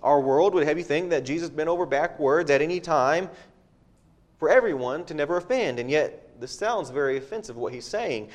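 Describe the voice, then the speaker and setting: A man's voice: fairly high pitch, normal speed. A man preaching a sermon, reading scripture aloud and stopping to ask his listeners rhetorical questions, often repeating a word as he goes.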